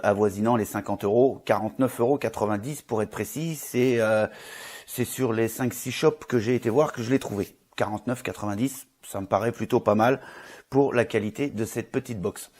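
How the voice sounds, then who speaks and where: A man with a slightly low voice talks his viewers through an unboxing. He chats loosely, full of fillers and restarts, in the easy tone of a hobby reviewer. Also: a little mellow. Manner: chatty, many fillers and restarts. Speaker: vape reviewer.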